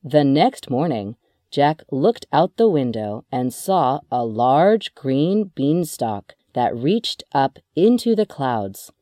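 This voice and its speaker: Storybook narrator for kids, slow and expressive, dry close recording. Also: mid-range voice, no room sound. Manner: slow, expressive read-aloud. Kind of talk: children's story reading.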